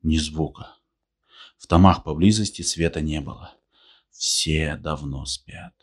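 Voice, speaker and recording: A man reads a novel aloud in a measured, even storytelling voice. His tone sits very low and deep throughout. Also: breathy edge. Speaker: narrator. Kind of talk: audiobook reading.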